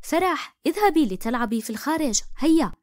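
Woman doing a caring adoptive mother, tender, gentle, cartoon storybook, lively lilting voice, dry sound. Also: sits high, brisk, no echo, pitched above the performer's own voice.

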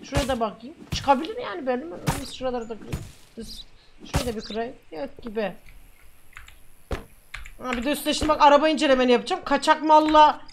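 Brash high-voiced woman streamer. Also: fairly quick, long pauses, background noise. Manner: brash and mock-stern, swears and scolds playfully; loud bursts and teasing asides. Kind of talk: gameplay commentary.

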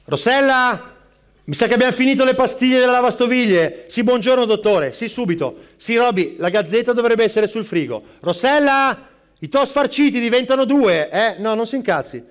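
A man's voice: extremely high pitch, expressive. A man playing a harried barista juggling everyone at once. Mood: frazzled. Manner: rapid-fire, juggling customers and calls, snapping asides. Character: frazzled middle-aged male barista, harried and foul-mouthed. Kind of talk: live stand-up character sketch. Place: live stage performance.

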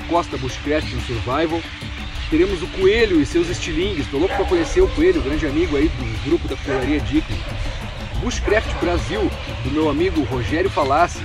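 A man's voice: fairly high pitch, rough recording. Enthusiastic gaúcho man vlogging outdoors. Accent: gaúcho Portuguese. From southern Brazil. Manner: chatty, enthusiastic, addressing viewers directly. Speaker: bushcraft channel host. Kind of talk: casual vlog talk to camera. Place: outdoors, seated on a bench under a tree. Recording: loud background music.

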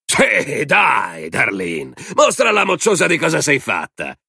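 A man voicing a drunk, crude man who taunts with drawn-out, sneering words. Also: a little high, wildly swooping pitch, gravelly, sharp tone, husky, dry recording, studio quality, pitched above the performer's own voice, exaggerated voice. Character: drunk, crude, mocking man, hostile stepfather type.

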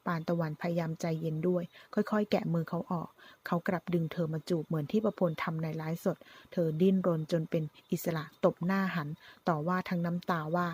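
A woman narrates a melodrama in a steady, brisk storytelling voice. Her tone is husky and breathy, and sits on the low side. She reads like scripted narration. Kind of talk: scripted narration of a drama recap.

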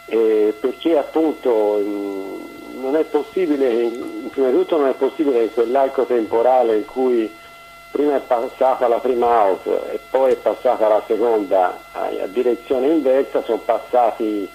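A man calling in to a talk show over a phone line, speaking haltingly with many pauses and tag questions. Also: medium pitch, creaky, dark tone, slight background noise. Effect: heard over a phone line. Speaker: caller. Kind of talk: call-in discussion.

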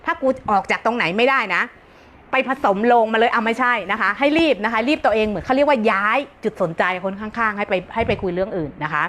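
A woman's voice: on the high side, a bit bright. A woman teacher giving a brash, joking live-stream self-help talk, often breaking into laughter.

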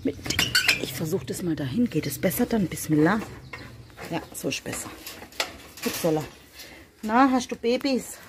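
A woman chatting casually through a vlog as she tends her animals in a farm shed, often cooing softly to them. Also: sits low, lively intonation, moderate pace, long pauses, noisy background. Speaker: vlogger.

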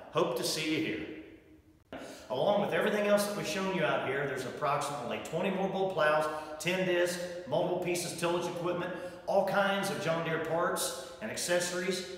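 A man's voice: fairly high pitch, a bit bright. A middle-aged man, an auctioneer giving an upbeat sales walkthrough of items, filmed in a large barn. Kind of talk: promotional walkthrough. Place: large barn and indoor toy room. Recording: echoey barn with long reverb.

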